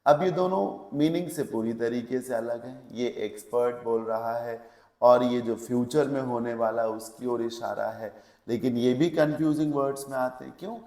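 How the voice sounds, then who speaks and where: A man's voice: mid-range voice, moderate pace, a little mellow, roomy sound. A male English teacher giving a lecture, explaining step by step and checking with questions, mixing English words into his Hindi. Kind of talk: classroom lecture.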